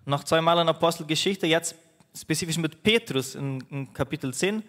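A male pastor, Portuguese being his first language, delivers a sermon in a large hall with a fairly high, slightly bright voice. His phrasing is halting, often restarted and sprinkled with fillers.

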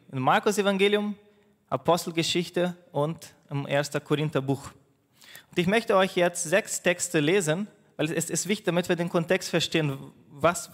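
Speaking from the pulpit, a pastor who grew up with Portuguese uses a voice on the high side and a bit bright, followed by a long reverb tail. He stumbles through his sermon with frequent restarts and fillers.

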